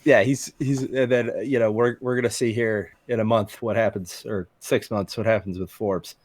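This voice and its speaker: A man's voice: on the low side, steady tone, normal speed, darkish tone. A man in his thirties on a casual podcast, telling easygoing stories about his kids. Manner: easygoing dad-talk storyteller. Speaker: podcast co-host. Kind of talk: casual chat.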